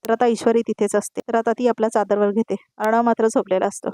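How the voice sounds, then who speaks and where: A woman's voice: on the high side, flat delivery, quick pace, dark tone, smooth, no room sound. A woman giving a voice-over recap of a TV serial, repeating the same phrases often and speaking straight to the viewers. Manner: repetitive, addresses the viewers directly.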